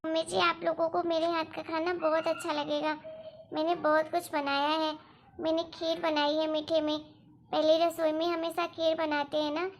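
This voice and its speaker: A woman voicing an eager young newlywed bride in an animated story, sweet and pleading. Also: extremely high pitch, normal speed, a little hiss or hum. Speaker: daughter-in-law.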